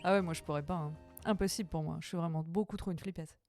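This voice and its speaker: A woman chatting casually with her live-stream audience while gaming, playful and quick to laugh, her voice a little tired. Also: fairly low pitch, fairly even intonation, darkish tone, soft background music.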